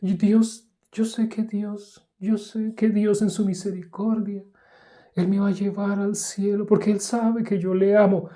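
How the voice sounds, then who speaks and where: A man imitating a pious churchgoer in a high, sugary, pitying voice that pleads with false confidence. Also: flat delivery, a little slow, warm tone. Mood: pious pleading.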